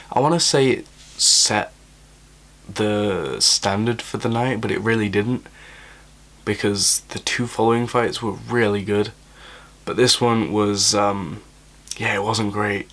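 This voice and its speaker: A young man gives his casual, blunt take on a boxing card and keeps his voice hushed because it is late at night. His voice sits low and stays fairly level, with little rise and fall. He speaks like a fighter talking shop, with frequent ums and likes. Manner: blunt and opinionated, with fillers. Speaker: boxer reviewing a fight card. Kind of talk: casual review to camera.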